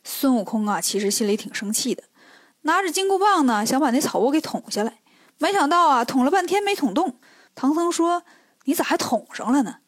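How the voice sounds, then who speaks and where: A woman narrating a children's story in a lively, colloquial way. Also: high voice, fairly quick, no room sound, clean studio sound.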